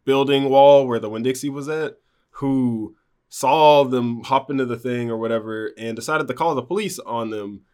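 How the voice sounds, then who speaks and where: Man, casual storyteller, mid-pitched, loose and rambling with fillers. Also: moderate pace, darkish tone, smooth. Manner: rambling, with many fillers and restarts. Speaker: guest telling a personal story.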